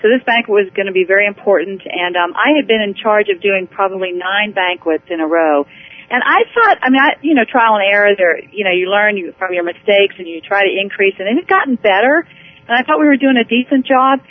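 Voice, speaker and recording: A woman's voice: medium pitch, lively intonation, a little fast. Enthusiastic woman over a tinny phone line. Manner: enthusiastic, faith-filled, rambling with restarts. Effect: heard over the phone. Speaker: executive director, interview guest. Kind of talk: phone interview.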